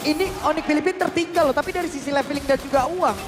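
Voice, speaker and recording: Male esports caster, Indonesian accent, very high pitch, quick delivery, live match analysis. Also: music in the background.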